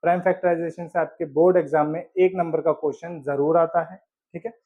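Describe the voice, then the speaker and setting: A man with a high voice teaches a school math lesson. He works through each example step by step and keeps checking that the class is following. The audio sounds dull and lo-fi. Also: fairly even intonation, brisk. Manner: explains step by step, checks in with "ठीक है". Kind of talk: board-exam math lesson.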